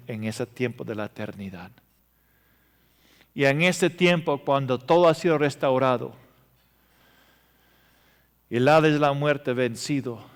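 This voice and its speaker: A man preaching a sermon, telling emotional stories and swinging between loud passages and hushed ones. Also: medium pitch, smooth. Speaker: pastor. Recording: reverberant hall.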